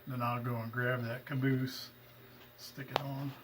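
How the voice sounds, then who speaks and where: Over clear room noise, a man chats in a casual, practical way. His voice sits at an average male pitch as he talks through a hobby activity. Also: little pitch movement, measured pace. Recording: noisy room ambience.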